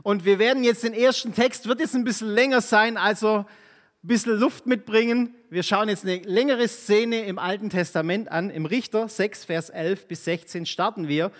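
A man's voice: high voice, fairly even intonation, moderate pace. A man preaching a sermon to his congregation in a church hall, casual and engaging, often asking the listeners questions. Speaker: pastor. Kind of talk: sermon with Bible reading. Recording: long hall reverb.

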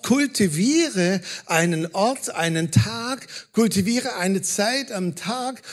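A man preaching a sermon as pastor, lively and talking straight to the congregation with questions. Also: high-pitched. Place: church hall.

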